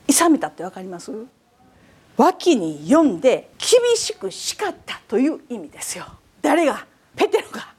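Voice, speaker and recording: A woman preacher giving a sermon in an animated way, often asking the audience questions. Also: fairly high pitch, normal speed, breathy edge.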